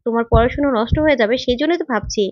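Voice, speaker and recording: A woman voicing a stern, quick-tempered young male tutor who scolds with sharp questions. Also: a little high, dry recording, natural voice. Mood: scolding. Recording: dull, lo-fi recording.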